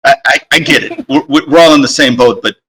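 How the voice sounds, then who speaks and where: A man's voice: medium pitch, brisk, a bit bright, slightly rough, poor audio. A man voicing a stammering, worried bodyguard. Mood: pleading. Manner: stammering, pleading. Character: anxious male bodyguard with a family.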